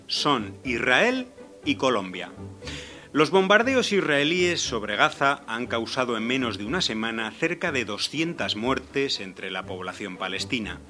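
A man's voice: medium pitch, pushed and bright. A man reading scripted report narration with a pointed, critical delivery.

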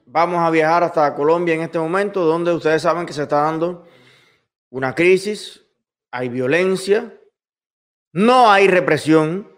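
A man's voice: on the high side, measured pace. A man, ranting sarcastically and mockingly in a played commentary clip. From Cuba. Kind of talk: online commentary rant.

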